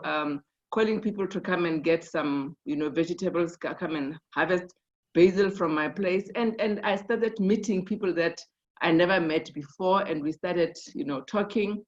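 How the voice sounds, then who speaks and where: A woman sharing her experience in a group discussion, thoughtful, with many fillers and restarts. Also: fairly low pitch. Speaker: conference participant. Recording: dull lo-fi online call audio.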